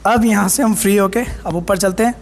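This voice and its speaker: Excited young man touring a gym. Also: sits high, a little fast, soft background music. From Pakistan. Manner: excited, enthusiastic, mixing in English phrases. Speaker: fitness vlogger. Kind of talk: walking gym tour vlog. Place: large indoor gym. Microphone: handheld phone camera. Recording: long hall reverb, faint ambience.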